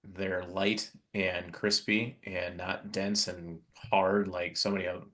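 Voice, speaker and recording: A man and father, a podcast guest telling relaxed stories in casual chat. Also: sits low, takes it slowly. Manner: relaxed storytelling, many ums.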